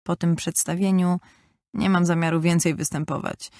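A woman voices a prim eldest sister in a fairly low, slightly mellow voice that stays fairly even at a moderate pace, close to how she'd normally talk. The recording is dry and studio quality.

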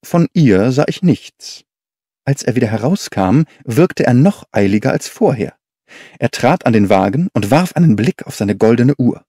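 A man narrating an audiobook as a lively, expressive storyteller, recorded close in a studio. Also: medium pitch, normal speed, no room sound. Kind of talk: scripted literary narration.

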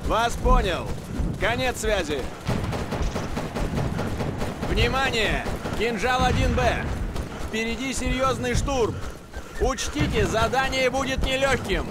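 An actor playing an alert, tough infantry squad leader in a war game, with terse, forceful, commanding delivery. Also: male voice, very high-pitched, slow pace, long pauses. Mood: grave, resolute. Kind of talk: scripted military game dialogue. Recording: heavy gunfire and vehicle noise. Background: loud gunfire, machine guns, vehicles.

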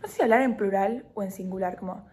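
A woman's voice: mid-range voice, fast talker, dark tone. Chatty young Argentine woman vlogging. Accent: Argentine Spanish. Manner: chatty, self-deprecating, slips in English words. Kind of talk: casual chat to camera.

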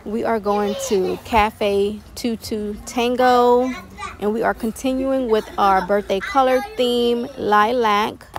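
A woman's voice: fairly high pitch, fairly even intonation, slow pace. A young adult woman narrating a family travel vlog, chatty, reviewing a restaurant and its food. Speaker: family vlogger.

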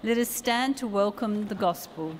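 An older woman reading scripture aloud as a lector in a solemn, measured, formal way, in an echoing church. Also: medium pitch, animated, crowd noise. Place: brick-walled church, at lectern. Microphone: gooseneck lectern microphone. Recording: long cathedral-like echo in church.

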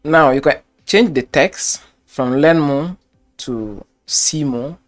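In this screen-recorded software tutorial, a man with a voice on the high side moves slowly through building a website, one step after another. As a web design tutor, he repeats key phrases while clicking through the screen. Soft music plays in the background.

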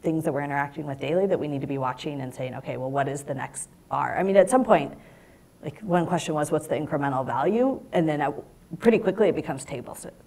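A woman's voice: low-pitched, quick pace, warm tone. A woman in her thirties speaking as a panelist in a lecture hall on a lapel mic, thoughtful and gesturing as she explains. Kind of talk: panel discussion.

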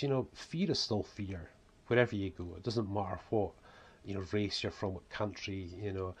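Scottish guy in his 40s, broad accent, lowish voice, rambling casual vlog chat. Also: darkish tone. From Scotland. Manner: rambling, frequent "you know". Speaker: vlogger and author. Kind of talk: unscripted casual talk to camera. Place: small home room, indoors.

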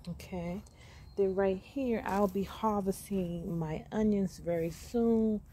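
A woman giving a casual walk-through of her container garden, upbeat and grateful, chatting with pauses and fillers as she films on a phone held close. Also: medium pitch, steady tone, dark tone, a little hiss or hum. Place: outdoor container garden on gravel. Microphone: phone camera held close while filming plants.

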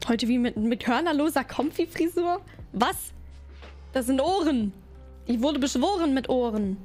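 A woman's voice: sits high, expressive, measured pace, darkish tone, faint music behind. A woman streaming a game, chatting playfully with her viewers while she plays. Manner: playful, chatty, talks to chat while playing. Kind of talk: casual gaming livestream chat.

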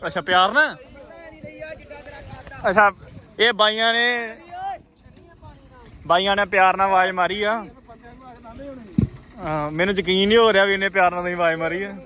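A man doing casual vlog commentary outdoors, with hearty, loud banter as he teases and urges on a group of workers. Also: sits high, fairly even intonation, moderate pace, pauses often, low-quality recording. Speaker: vlogger. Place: outdoors at a riverside sand-loading site with tractors.

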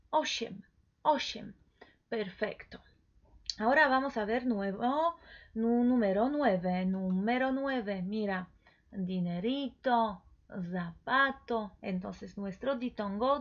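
A woman teaching pronunciation, repeating each word slowly and coaxing the listener to say it back. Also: on the high side. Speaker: language teacher. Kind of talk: slow pronunciation lesson. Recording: dull lo-fi recording.

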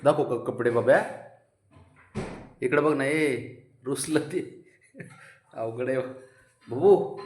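A man's voice: mid-range voice, slow, pauses often. Guy sweet-talking his sulky pet at home, lots of coaxing, echoey room. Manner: coaxing, doting baby talk to a pet. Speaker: pet owner. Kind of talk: casual home video.

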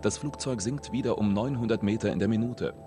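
A man with a low voice reads documentary narration in a measured, serious tone. Music plays clearly behind him.

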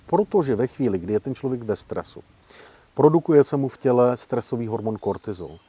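Husky man explaining negotiation tactics. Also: mid-range voice. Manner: lively, emphatic, acts out example quotes. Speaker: professional negotiator, guest speaker. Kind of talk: explanatory interview talk.

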